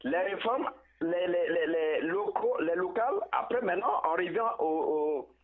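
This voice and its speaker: Male phone-in caller heard over a thin, crackly phone line, higher-pitched, halting delivery with repeated words. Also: animated. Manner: halting, repeats words while searching for them. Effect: tinny phone line with poor connection. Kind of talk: political call-in commentary. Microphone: telephone.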